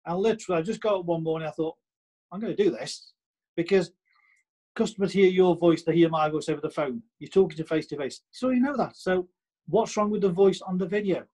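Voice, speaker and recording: A man's voice: high-pitched, fairly quick, warm tone, poor audio. A man with a Stoke-on-Trent accent chatting casually on a podcast, emphatic and repeating his points with plenty of "you know".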